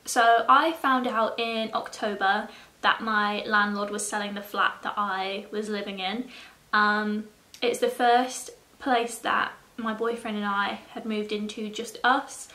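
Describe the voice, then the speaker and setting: A YouTuber with a medium-pitched, level, unhurried voice and a sharp tone chats casually with her viewers in a vlog. She swears freely and laughs often, and the recording has a roomy echo.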